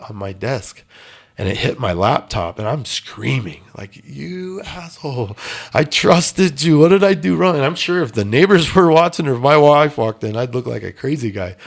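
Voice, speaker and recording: A man telling his life story in an earnest, intense way, dropping quiet and then rising loud. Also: mid-range voice, creaky. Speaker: interview guest. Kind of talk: emotional storytelling.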